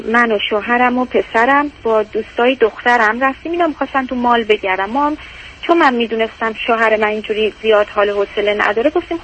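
A woman's voice: on the high side, fairly bright tone, a little hiss or hum. Distressed woman caller on a phone line. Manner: distressed, fast rambling, tearful at times. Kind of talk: telling her story on a call-in show.

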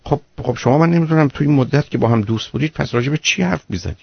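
A man's voice: creaky, husky, dry recording. A man hosting a radio call-in show as a psychologist, giving blunt, lecturing advice to a caller. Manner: blunt, lecturing, rises in pitch when exasperated. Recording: muffled radio broadcast, dry studio.

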